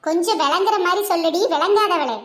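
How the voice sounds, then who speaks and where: A woman's voice: very high voice, fast, crowd noise. A woman voicing a teasing young friend in a village comedy skit, asking bossy questions.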